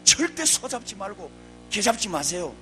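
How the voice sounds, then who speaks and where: Man acting out a prim widowed Seoul woman, high-pitched, flustered, protesting. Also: very animated, moderate pace, bright, forceful tone, soft background music, full character voice. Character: widowed female in-law from Seoul, bewildered and prim.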